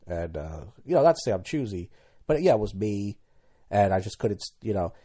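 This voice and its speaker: A man's voice: lowish voice, big pitch swings, moderate pace, warm tone. A man in his thirties hosting a solo podcast, talking casually and candidly, rambling and tripping over his words as he goes. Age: 30s. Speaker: podcast host.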